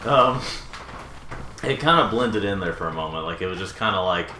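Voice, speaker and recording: A man's voice: low-pitched, lively intonation, moderate pace, pushed and bright. A man chatting casually while playing a game, rambling with lots of fillers and restarts. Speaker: gaming co-host. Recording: echoey room with faint noise.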